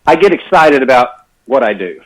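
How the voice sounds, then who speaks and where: A man in his sixties, a golf instructor calling in to a chat show, heard over a clipped phone line and talking in an excitable way with frequent chuckles. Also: medium pitch, a little fast. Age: 60s. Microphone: telephone.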